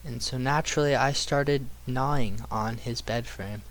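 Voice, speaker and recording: A man's voice: mid-range voice, a little slow, fairly bright tone, slight background noise, rough recording. A young man telling a casual personal story in a rambling, slangy way with some swearing.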